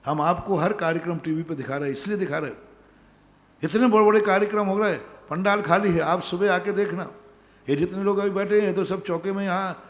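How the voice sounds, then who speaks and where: A man's voice: high voice, steady tone, a little fast, long reverb tail. A male Jain monk giving a sermon, emphatic, repeating his commands to the devotees. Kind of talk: sermon answering devotees' questions. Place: large pandal, nearly empty.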